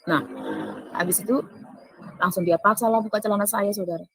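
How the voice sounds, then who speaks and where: A woman with a husky, breathy voice recounts events in an earnest spoken testimony, turning to her listeners again and again. Her speech sits at a middling pitch, and the dry, close sound of her voice carries no room around it. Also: steady tone, brisk, fairly bright tone, no room sound, poor audio. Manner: earnest, addresses listeners as "Saudara", acts out quoted dialogue. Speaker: testifying speaker.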